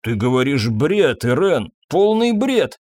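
Усталый, робкий официант средних лет, которого играет мужчина говорит медленно, надломленно и виновато. Голос живо меняет интонацию. Звук сухой и близкий, как в аудиокниге. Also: male voice, mid-range voice, big pitch swings, a little mellow, no echo, clean studio sound. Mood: weary. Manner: slow, weary, pleading speech. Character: tired, timid, guilt-ridden middle-aged waiter.

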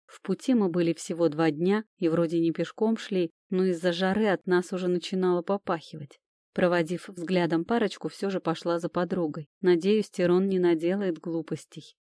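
A woman reads a fantasy romance aloud in the first person, in a steady, even storytelling delivery. Her voice sits fairly low. The recording is dry, with no room sound. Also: normal speed, dry recording. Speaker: narrator.

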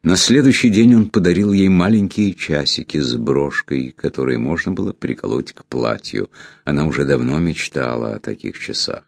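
A man reading an audiobook aloud in steady, measured narration. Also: a bass voice, gravelly, dry recording. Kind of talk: scripted narration.

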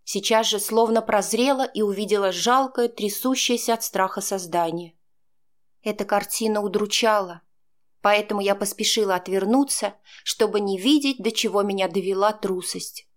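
A woman reading a first-person novel aloud in steady, emotional narration. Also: medium pitch, normal speed. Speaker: audiobook narrator.

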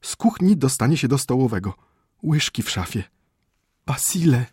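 A man reading an audiobook, voicing a panicky, scolding wife in a high, strained voice. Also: sing-song, moderate pace, darkish tone, husky, no echo, studio quality. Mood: frantic. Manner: frantic, reproachful. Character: panicky shrill middle-aged wife, prim and scolding. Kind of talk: audiobook character voice.

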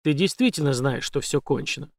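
A man's voice: on the high side, fairly quick, close to an everyday voice. A man voicing a desperate, crooked reverend who urgently pleads and pushes. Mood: weary.

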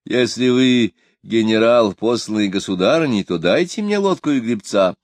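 A man voicing a calm, firm male scholar who speaks in a measured, lightly ironic way. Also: mid-range voice, dry recording, studio quality, natural voice. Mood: steady.

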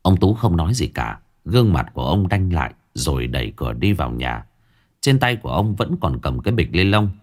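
A man narrates a ghost story. His lowish voice rises and falls dramatically as he reads. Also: a little fast. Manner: dramatic, expressive reading.

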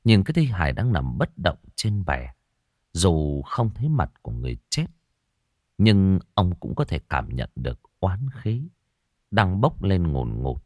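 A man from Northern Vietnam narrating a ghost story slowly and dramatically, dropping to a hush at tense moments. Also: low voice, sing-song, no room sound, clean studio sound.

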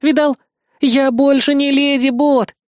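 A shrill, hot-tempered young woman with a sharp tongue, scolding and mocking, high above the reader's own voice, as a man puts her on. She sounds loud and pushy. The audiobook recording is dry and close. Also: little pitch movement, measured pace, dry recording.

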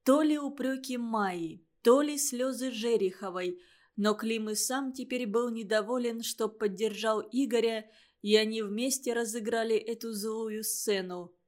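A woman reading a novel aloud as narrator, in an expressive, measured reading. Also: on the high side. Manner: expressive reading, acting out the dialogue. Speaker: audiobook reader. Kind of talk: scripted literary narration.

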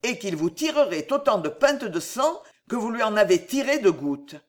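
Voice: mid-range voice, big pitch swings, normal speed, close to an everyday voice. An audiobook narrator voicing a flustered male innkeeper who keeps pressing anxious objections. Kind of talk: audiobook character reading.

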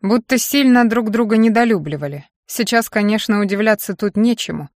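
A woman's voice: mid-range voice, a little fast, dry recording, close to an everyday voice. A woman voicing a brash, wary young man who talks in an offhand, mumbling drawl, in an audiobook read in a dry room. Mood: musing.

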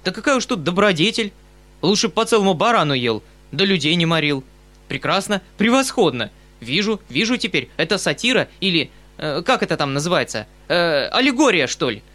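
Мужчина читает за пожилого добродушного отставного полковника, который восклицает и суетится. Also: male voice, high voice, sing-song, a little fast, sharp tone, pitched above the performer's own voice, full character voice. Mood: excited. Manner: exclaiming, fussy, eager. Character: excitable good-natured retired male colonel, older.

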